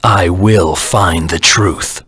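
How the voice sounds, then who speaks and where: A man voicing a brooding, vengeful hedgehog antihero in a video game, speaking in a terse, grim, menacing way with a gravelly, husky voice. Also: sits low, drawn-out words, fairly bright tone, dry recording, heavily acted. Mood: menacing, defiant. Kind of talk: video game voice acting, dramatic monologue.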